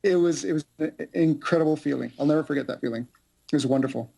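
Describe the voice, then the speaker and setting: A man's voice: on the high side, fast, gravelly, dark tone, slightly rough. A man in his forties speaking earnestly in a news interview, with small restarts. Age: 40s.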